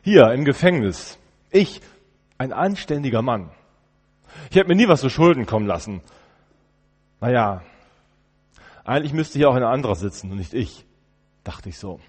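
A male preacher telling a story in the first person during a service, turning from loud outbursts to hushed murmurs. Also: mid-range voice, lively intonation, normal speed, long pauses, husky, big-room sound. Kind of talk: first-person dramatic sermon monologue. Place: church.

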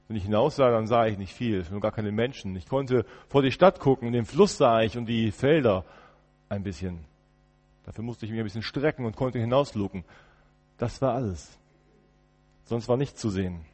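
A male preacher telling a story in the first person during a service, turning from loud outbursts to hushed murmurs. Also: lowish voice, long reverb tail. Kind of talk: first-person dramatic sermon monologue. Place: church.

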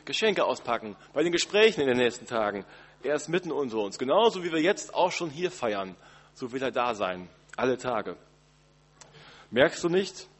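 Male pastor, mid-pitched, slightly husky, conversational Christmas sermon, long church reverb. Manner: gentle, conversational preaching with direct address.

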